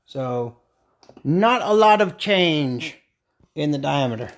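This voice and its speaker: Man, woodturner, casual live-stream chat, answers viewer comments, slightly high-pitched. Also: expressive, slow. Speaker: woodturner streaming a pen turning.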